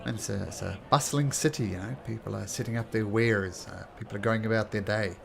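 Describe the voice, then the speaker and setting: Gravelly man improvising as game master. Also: lowish voice, brisk, background noise. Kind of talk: improvised tabletop game narration.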